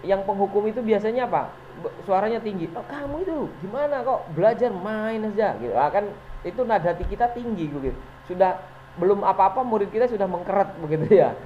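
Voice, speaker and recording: A man teacher giving an informal presentation to fellow teachers, chatty and hesitant, full of fillers and little chuckles. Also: a little high. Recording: dull lo-fi recording with faint noise.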